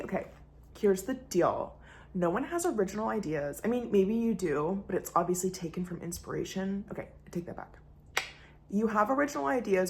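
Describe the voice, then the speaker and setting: A woman's voice: mid-range voice, gravelly, a little hiss or hum. A young woman rambling casually in a vlog, self-mocking, often dropping into whispers. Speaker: vlogger. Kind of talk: casual chat. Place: indoors at home.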